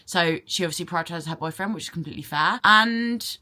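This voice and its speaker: Chatty young woman, quick and bright. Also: on the low side. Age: 20s. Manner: chatty and emotional, rambling with restarts. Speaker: vlogger. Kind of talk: casual chat to camera.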